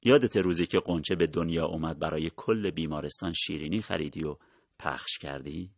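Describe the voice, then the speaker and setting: A weary, soft-spoken wife, read by a man. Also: very deep voice, no echo, studio quality. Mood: wistful.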